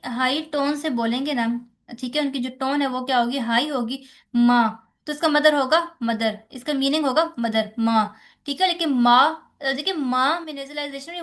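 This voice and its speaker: Pakistani woman lecturer, high voice, explains patiently, asks questions and answers them herself. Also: a bit bright. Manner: explanatory, repeats rhetorical questions and "theek hai". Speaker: teacher. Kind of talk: exam-focused lecture on phonetics.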